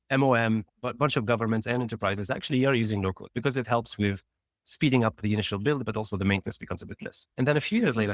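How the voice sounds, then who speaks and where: Talking fast and restarting often, a man from Tunisia who founded a startup tells his career story in a relaxed interview. His voice is on the low side, and the recording has no room sound.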